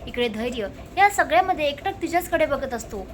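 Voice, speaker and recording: Very high-voiced woman retelling a serial. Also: a little hiss or hum. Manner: lively storytelling, quoting characters in quick succession. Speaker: serial recap narrator.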